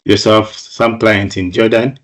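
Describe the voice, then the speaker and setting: Middle-aged male presenter from Uganda, low monotone, measured webinar delivery with repeats. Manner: measured, flat delivery with frequent repeated words.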